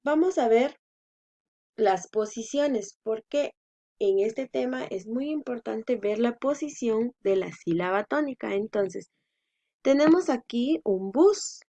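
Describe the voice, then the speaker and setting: A woman's voice: on the high side, expressive, takes it slowly, warm tone. A woman teaching a class, explaining patiently and stretching out syllables to stress them. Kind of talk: slow explanatory lesson for children. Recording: dull lo-fi sound.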